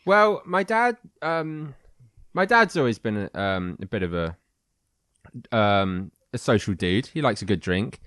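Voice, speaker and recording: A drunk young man co-hosting a podcast tells casual stories, hesitating a lot. His voice sits on the low side but swings widely in pitch, unhurried and a bit bright, in clean studio sound with no echo.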